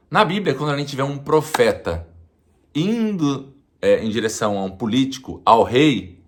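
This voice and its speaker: A young man from Brazil talks straight to the camera in an opinion monologue. His voice sits a little low. He argues with rising intensity, piles up rhetorical questions, and drops to quiet asides between loud bursts. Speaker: YouTuber giving opinion.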